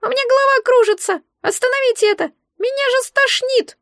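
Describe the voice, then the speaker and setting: A woman voicing a cheeky, chatty male magic egg with a squeaky, rude, boastful manner. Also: a little fast, a bit bright, dry recording, clean studio sound. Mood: hysterical.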